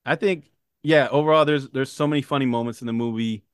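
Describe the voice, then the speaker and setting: A man's voice: mid-range voice, quick pace, clean tone, no echo. Rambling man in dry casual chat. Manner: rambling, filler-heavy, swears casually. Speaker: podcast co-host.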